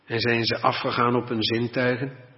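A man preaching a sermon, reading Bible passages in a deliberate, old-fashioned way and explaining them. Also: mid-range voice, flat delivery. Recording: dull lo-fi recording with long reverb.

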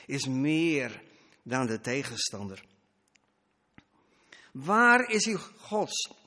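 A man's voice: a little high, fairly bright tone, long reverb tail. A man preaching a sermon, emphatic, his voice rising and dropping for stress.

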